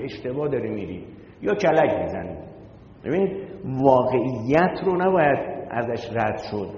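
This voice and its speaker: Man preaching in an echoey hall. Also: darkish tone. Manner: emphatic, argumentative, rhetorical questions. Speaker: religious lecturer. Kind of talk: sermon. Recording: echoey hall, dull lo-fi sound, faint rumble.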